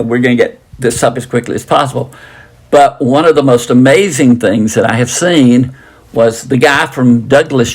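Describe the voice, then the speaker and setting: A man co-hosting a casual interview in a chatty, halting, circling way. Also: medium pitch. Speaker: co-host.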